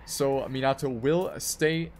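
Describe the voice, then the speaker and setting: A man with a medium-pitched, darkish voice calls a racing game live as an esports commentator, speaking slowly over soft background music. He narrates the action play by play and repeats phrases for emphasis.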